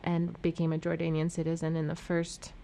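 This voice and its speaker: Woman radio host with a lowish voice. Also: completely flat delivery, a little fast, vocal fry, dark tone. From United States. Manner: friendly, asks questions and sums up. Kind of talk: radio interview.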